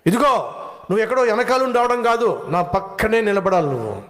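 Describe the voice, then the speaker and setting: A man voicing a cunning, boastful male fox in a spoken story, with a shrill, bossy manner. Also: expressive, brisk.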